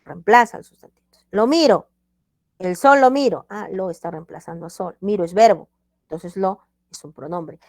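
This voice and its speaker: A woman's voice: mid-range voice, normal speed, darkish tone, dry recording, clean studio sound. A woman teacher giving a grammar lesson, emphatic and repeating examples with checks like "ready?". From Peru.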